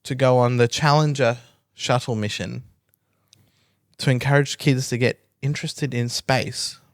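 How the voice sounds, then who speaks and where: A woman co-hosting a podcast in casual chat, hoarse and half-sick, rambling with fillers and deadpan jokes. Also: a bass voice, unhurried, no echo, studio quality. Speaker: podcast co-host.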